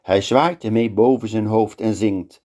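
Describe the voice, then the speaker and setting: A man telling a fairy tale aloud. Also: on the low side. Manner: slow and lively storytelling. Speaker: storyteller.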